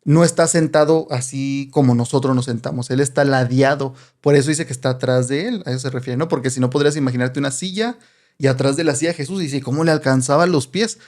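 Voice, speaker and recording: A man with a Mexican accent explaining a Bible passage in a relaxed, conversational way, often tagging his sentences with rhetorical questions. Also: medium pitch, quick pace. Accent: Mexican Spanish. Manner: chatty, asks rhetorical questions, frequent "¿no?". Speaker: Bible teacher.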